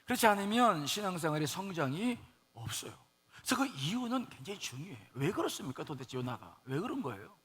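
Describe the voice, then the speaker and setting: A man preaches a sermon in a bright, forceful voice that sits high for a man. He pitches questions at the congregation, drops to soft asides and then climbs into raised exclamations. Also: big pitch swings, fast talker. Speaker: pastor.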